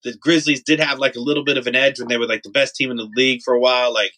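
A man's voice: mid-range voice, flat delivery, racing, bright, forceful tone. A man in a casual sports debate, making his points emphatically and repeating them for emphasis. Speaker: sports podcast panelist.

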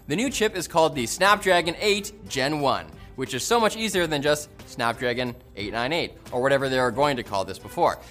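A man hosting a tech news rundown, reading a script with jokey, sarcastic asides. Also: fairly high pitch. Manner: sarcastic, jokey, animated delivery.

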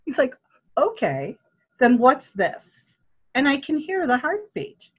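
An older woman telling a personal story in a casual, animated way, acting out quoted voices and laughing often. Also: sits high, takes it slowly, breathy edge. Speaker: guest telling her birth story.

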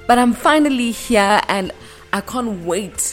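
Sitting solo at a studio mic, a late-twenties podcast host chats cheerfully and pokes fun at herself. Her voice is a little high and animated at a measured pace, and the room is reverberant with soft music behind.

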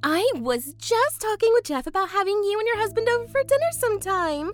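A gushy baby-voiced preschool teacher. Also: female voice, lively intonation, a little fast, soft background music. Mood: chipper cooing. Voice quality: high-pitched baby doll voice. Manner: cooing, sweetly condescending. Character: gushy, chipper young woman preschool teacher. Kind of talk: audio drama acting.

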